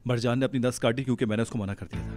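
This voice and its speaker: एक अभिनेता एक गुस्सैल, ज़िद्दी जवान पति का किरदार निभाता है, ऊँची और तेज़ बहस करता हुआ।. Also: male voice, medium pitch, rapid-fire, soft background music, close to an everyday voice. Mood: subdued. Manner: shouting, forceful, argumentative. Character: hot-tempered young husband, proud and stubborn. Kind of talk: television drama acting.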